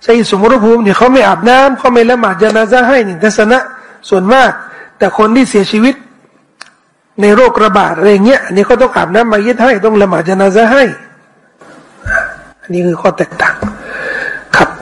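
A man teaching a commentary lesson on scripture, answering questions in a casual way, repeating words and reciting verses slowly. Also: sits high, slight background noise, rough recording. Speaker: Islamic teacher.

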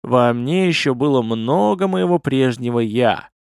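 A man narrating a fantasy audiobook in an expressive, lively reading style. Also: fairly high pitch, normal speed, dry recording, clean studio sound.

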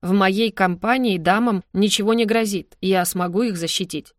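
A woman voicing a courteous, protective older gentleman. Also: medium pitch, normal speed, no room sound, studio quality, natural voice. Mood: gallant. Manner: courteous, indignant.

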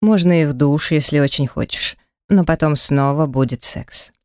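A woman voicing a gruff, intense adult male shapeshifter lover in an audiobook, speaking low and breathily with a teasing edge. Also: normal speed, darkish tone, no echo, clean studio sound, close to an everyday voice. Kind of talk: audiobook character reading.

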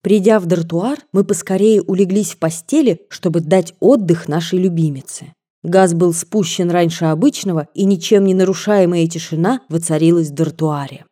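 A woman narrating a classic novel aloud in a measured, expressive reading style. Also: fairly low pitch. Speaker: audiobook narrator.

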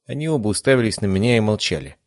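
Мужчина читает аудиокнигу низким голосом. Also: male voice, fairly low pitch, big pitch swings, racing, a little mellow, no room sound, clean studio sound. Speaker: narrator. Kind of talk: audiobook narration.

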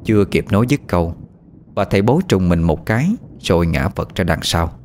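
Low-voiced male ghost-story narrator. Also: lively intonation, fairly quick, a little mellow, a little hiss or hum.

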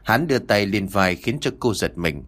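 Male storyteller, lively pitch, dramatic audiobook reading. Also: normal speed. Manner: dramatic, expressive. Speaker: narrator.

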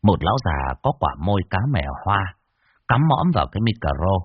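A man narrating a scripted horror story with an expressive, varied delivery. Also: sits low, normal speed, husky, no echo, narrow, tinny audio.

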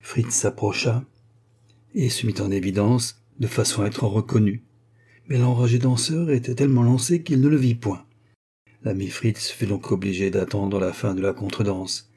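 A man narrating a classic novel as an audiobook in a measured, literary way. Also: on the low side, steady tone, dark tone, slightly rough.

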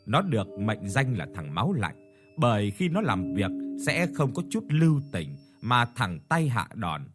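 A man narrating a horror story in an expressive, dramatic manner. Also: lowish voice, unhurried, over music.

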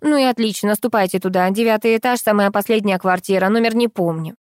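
A woman's voice: medium pitch, fast, darkish tone, dry recording, clean studio sound, natural voice. Woman voicing a bossy kindergarten teacher. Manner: lecturing, matter-of-fact. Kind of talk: audiobook character voice.

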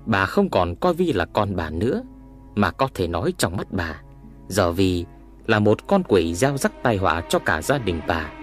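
A man narrating a horror story in a dramatic, expressive reading. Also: low-pitched, unhurried, faint music behind.

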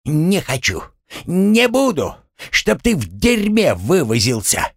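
A man's voice: mid-range voice, wildly swooping pitch, unhurried, dry recording, studio quality, pitched above the performer's own voice. A man voicing a squabbling, boastful little male creature who squeals when angry, in a read-aloud story. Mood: furious. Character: squabbling short male creature, cursemaker, boastful and hot-tempered.

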